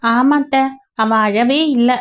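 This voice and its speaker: A woman's voice: fairly high pitch, takes it slowly, dull audio, faint music behind. A woman voicing a small girl who keeps pleading for her mother in a whiny, insistent way.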